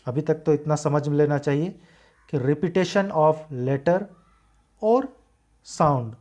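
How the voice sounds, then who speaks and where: A man teaching a lesson from slides, explaining carefully, repeating key words and reading English lines slowly with heavy stress. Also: on the high side, a little mellow.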